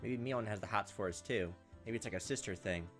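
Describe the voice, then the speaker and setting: A gaming video host with a fairly low voice reads visual novel text aloud fairly quickly in a casual let's play. He tosses in offhand jokes and reactions as he goes, with the game's music playing behind him.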